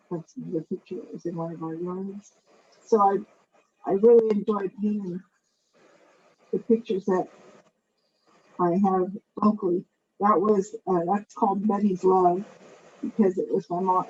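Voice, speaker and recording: A woman painter talking informally about her own art as a panel guest, in a halting, meandering way. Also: medium pitch, a little mellow. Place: online video call. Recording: noisy, muffled video call audio.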